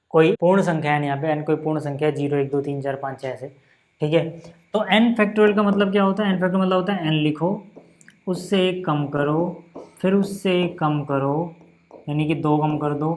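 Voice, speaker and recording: Chatty male maths teacher, patient steps. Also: fairly high pitch. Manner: patient, chatty, repeats "ठीक है ना" often; slows down to count out steps. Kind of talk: casual Hindi maths lesson.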